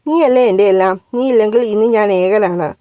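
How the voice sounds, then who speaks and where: A woman's voice: mid-range voice, animated, a little fast, dark tone, clear, resonant tone, no room sound, studio quality, lightly acted. A woman voicing a tender, affectionate young man in a read-aloud story.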